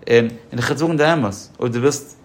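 A man's voice: medium pitch, fast talker. A man as a podcast guest giving insurance advice, emphatic and explaining through examples. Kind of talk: casual podcast conversation.

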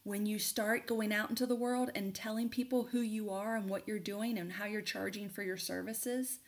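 A middle-aged woman hosting a podcast, candidly telling a personal story and giving advice in a conversational way with plenty of fillers. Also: mid-range voice. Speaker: podcast host and coach.

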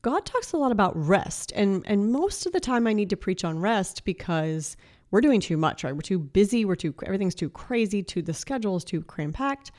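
A woman in her thirties hosts a faith-based podcast in a chatty, casual way, with a voice slightly hoarse from a cold. She fills her talk with little asides and laughs, at a middle pitch. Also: very animated, moderate pace. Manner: chatty and warm, with filler words and laughs. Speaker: podcast host and life and health coach.

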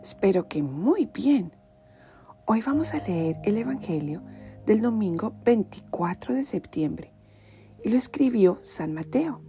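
A woman with a Latin American Spanish accent talks to children in the manner of a kids show host. Her voice is mid-pitched and mellow, with soft music behind it. She tells and explains a Bible story simply and expressively, turning to her young listeners with questions. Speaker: children's religious teacher and presenter.

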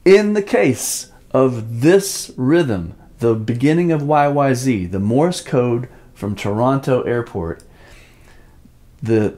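A drum teacher with a warm, low-ish male voice gives an informal lesson, explaining step by step. He sometimes demonstrates rhythms by sounding them out in syllables.

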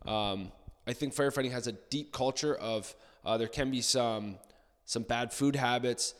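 A man hosting a casual solo podcast, talking off the cuff and haltingly in a very echoey, bare-walled room. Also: mid-range voice, a bit bright. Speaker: podcast host. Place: indoor room with bare hard walls.

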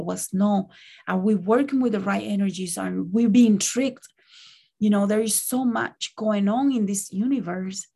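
Husky woman, slightly losing her voice. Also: medium pitch. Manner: earnest, gentle, speaks to the viewer with rhetorical questions. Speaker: spiritual content creator. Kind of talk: reflective spoken vlog.

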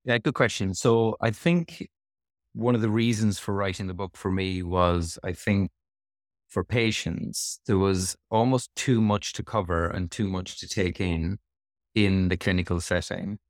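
A man's voice: deep voice, fairly even intonation, a little slow, dry recording, clean studio sound. A middle-aged man with a west of Ireland accent, explaining things reflectively as a guest in a conversational interview. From Sligo, west of Ireland.

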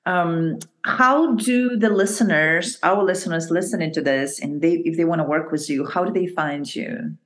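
A woman hosts a casual business podcast interview in a fairly low voice. She chats and encourages her guest, leaning on plenty of fillers as she talks. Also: normal speed. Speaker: podcast host.

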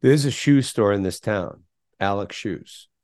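Low-voiced middle-aged man, emphatic. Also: expressive, a little slow, a little mellow, dry recording, studio quality. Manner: emphatic, asks rhetorical questions. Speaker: podcast guest, sales speaker. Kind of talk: conversational interview.

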